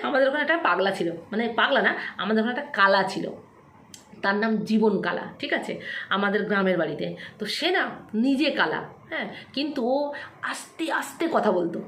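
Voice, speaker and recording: A woman's voice: medium pitch, lively intonation, brisk, fairly bright tone, slight background noise. A woman vlogger delivering an angry, taunting rant straight to the camera, scolding and repeating herself. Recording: echoey room.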